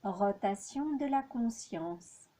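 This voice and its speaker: A yoga instructor with a mid-range voice guides a relaxation, speaking calmly in measured phrases separated by long pauses.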